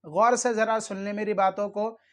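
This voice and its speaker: A man's voice: sits high, fairly even intonation, normal speed, fairly bright tone. A man hosting his channel, giving earnest religious instruction and repeating his warnings while speaking formally to viewers. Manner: addresses viewers directly and formally. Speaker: channel host teaching prayer rules.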